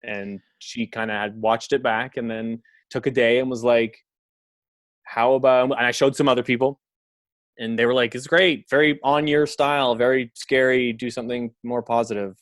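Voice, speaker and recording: On a podcast, a Canadian man who makes films speaks as a guest in a medium-pitched voice, with fairly even intonation at a moderate pace. He rambles casually, full of fillers and the odd profanity. The studio sound is clean, with no room sound.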